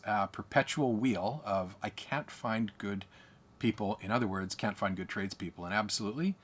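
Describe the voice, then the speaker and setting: A man's voice: on the low side, fairly bright tone. An Australian man coaching business owners, talking emphatically and repeating his points. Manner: emphatic, repetitive, lecturing. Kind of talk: speaking to camera.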